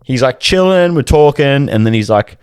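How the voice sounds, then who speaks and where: A man's voice: medium pitch, animated, moderate pace, smooth, no room sound, studio quality. A young Australian man on a podcast, telling a story in casual chat, swearing freely and acting out quotes in a raised voice. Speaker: podcast co-host.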